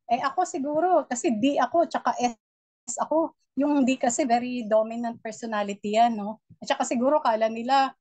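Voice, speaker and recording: A middle-aged woman gives a motivational training talk to her team. Her voice is naturally loud and fairly high, and she preaches encouragement in a steady flow. The sound is close and dry, with no room around it. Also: a little fast, dry recording. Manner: loud voice, warm and preachy, mixing English in. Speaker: network marketing mentor.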